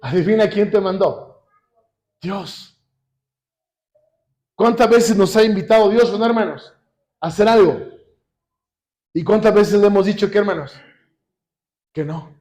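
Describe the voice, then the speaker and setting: A man preaching a sermon in church, repeatedly asking the congregation questions and reading scripture slowly. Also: high-pitched, a little mellow. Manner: addresses congregation constantly with rhetorical questions; reads scripture slowly and deliberately. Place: church service.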